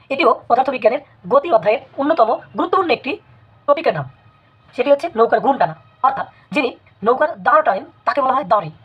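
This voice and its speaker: A woman teaching a spelling lesson in a measured way, repeating words for emphasis. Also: on the high side, breathy edge. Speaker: language teacher. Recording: dull lo-fi recording.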